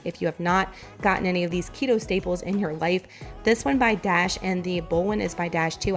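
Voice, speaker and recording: Southern us lady doing chatty meal prep voiceover, voice hoarse n giving out, bit creaky, music behind. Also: on the low side. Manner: chatty, enthusiastic, addresses viewers directly. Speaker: home cooking vlogger.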